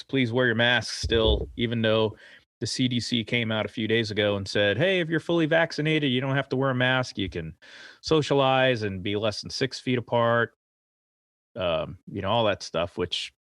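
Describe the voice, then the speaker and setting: An American man co-hosting an aviation podcast, earnest and animated, laughing often. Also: fairly low pitch, dry recording. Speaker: podcast co-host and airline crew member. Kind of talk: casual podcast chat.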